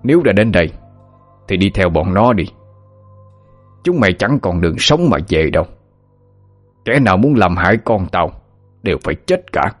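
Man doing a stern old village chief, deep gruff voice, threatening, storybook. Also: moderate pace, pauses often, faint music behind. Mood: furious. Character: fierce old male village chief, protective grandfather.

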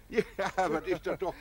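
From a 1970s television drama, an actor plays a kindly, slightly odd village garbage collector who chuckles often and speaks in a folksy, mysterious manner. The male voice sits high, and the TV audio is noisy.

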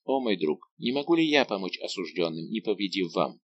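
A man's voice: low voice, sing-song, fairly quick, highs cut off. A man reading a tender young marquise. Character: young noblewoman, tender and resolute.

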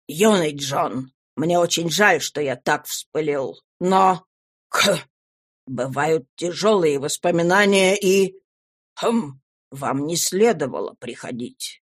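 A stiff, pompous older gentleman in a storybook reading, his voice pitched low and heavy. He speaks with wounded pride and keeps clearing his throat. A woman performs him. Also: expressive, slow, exaggerated voice. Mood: embarrassed. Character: proud irritable older gentleman, quick-tempered.

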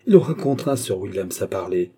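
A man's voice: low voice, animated, a little fast, mellow, husky. A man reading the part of a remorseful young woman, pleading with emotion in a storybook reading.

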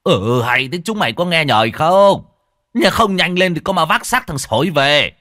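A bossy old village sorcerer, performed by a male narrator. He barks orders in a loud, gruff voice with a lively pitch. The recording is close and dry. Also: moderate pace, dry recording, heavily acted. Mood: shouting.

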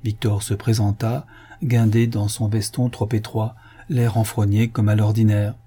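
Husky male audiobook narrator. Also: fairly low pitch, flat delivery, a little slow, mellow. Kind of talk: scripted narration.

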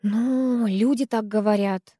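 A woman's voice: on the high side, fairly even intonation, slow pace, dark tone, breathy edge, dry recording, studio quality. A woman voicing a curious, somewhat unsure teenage girl in an audiobook, speaking hesitantly.

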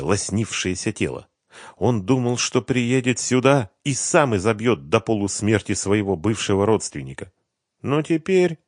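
A male narrator reads a crime novel aloud with a low voice and lively, expressive intonation. The recording is close and dry, with no room sound. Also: dry recording. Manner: expressive, dramatic. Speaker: audiobook narrator. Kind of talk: scripted narration.

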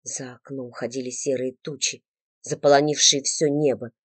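A woman reading first-person story narration in a calm, measured way. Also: very deep voice, slightly rough, no echo. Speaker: audiobook narrator.

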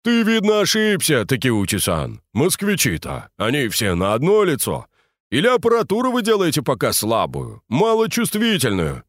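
A man's voice: medium pitch, wildly swooping pitch, moderate pace, no echo, clean studio sound, pitched above the performer's own voice. A man voicing a boisterous, bantering Moscow drinker nicknamed the cruiser, in an audiobook. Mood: hearty. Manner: loud, hearty, bantering.

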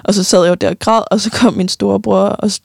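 A young woman giving a halting, personal account of loss in an interview, often pausing and restarting, sometimes tearful. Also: mid-range voice, steady tone, creaky, breathy edge, dry recording. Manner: halting, many fillers and restarts, tearful at times.

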